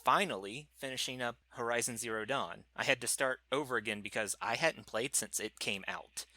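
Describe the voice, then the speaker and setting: A man's voice: medium pitch, normal speed, pushed and bright, dry recording. A man co-hosting a podcast, chatting casually and rambling a little as he corrects himself. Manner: rambling, self-correcting gamer talk. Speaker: podcast co-host. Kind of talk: casual chat.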